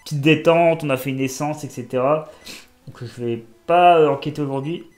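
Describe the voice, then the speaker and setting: This gaming YouTuber has a cold, and his voice is on the high side with a darkish tone at a moderate pace. Casually commenting as he plays, he jokes and talks to himself and the characters. The room is echoey.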